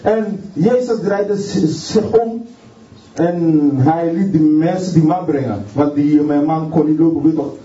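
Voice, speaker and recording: A man preaching in a church hall, fervent and halting, stumbling over repeated words and dropping in hallelujahs. His voice is raised yet dark and mellow. He is heard from a distance in a roomy space, with a dull, muffled sound. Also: on the high side. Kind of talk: sermon.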